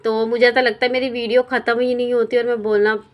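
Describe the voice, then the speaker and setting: A young woman vlogger and housewife chatting casually and quickly while narrating her home routine. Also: fairly high pitch, flat delivery. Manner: chatty, fast-talking.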